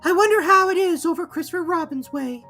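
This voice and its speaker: A woman voicing a very small, timid male piglet in a storybook, with a squeaky, fretful, childlike manner. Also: fairly quick, pushed and bright, faint music behind, full character voice. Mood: wistful.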